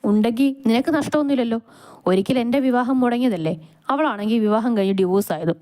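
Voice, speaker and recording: A woman's voice: a little high, quick pace, voice pushed up, lightly acted. Woman doing a teasing, easygoing older brother. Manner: gently mocking, soothing.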